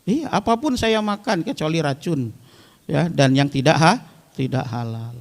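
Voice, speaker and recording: Chatty preacher, fairly high voice. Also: male voice, lively intonation, measured pace, creaky, in a large hall. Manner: chatty storytelling, often addressing the listeners directly. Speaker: Islamic preacher. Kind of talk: humorous religious talk to a congregation. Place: weekly study gathering before a live audience.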